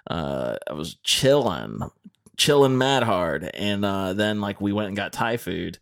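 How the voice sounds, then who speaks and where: Male host, 30s, from the Carolinas; easygoing, filler-heavy casual talk in a lowish voice. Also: lively intonation, unhurried, creaky. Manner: laid-back, loose, full of fillers. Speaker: podcast host. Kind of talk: casual chat.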